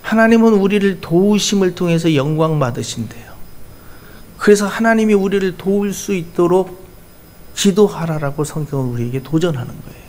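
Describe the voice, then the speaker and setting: A male pastor preaching a sermon in church, earnest and shifting between loud urging and soft asides. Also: high-pitched, animated, moderate pace.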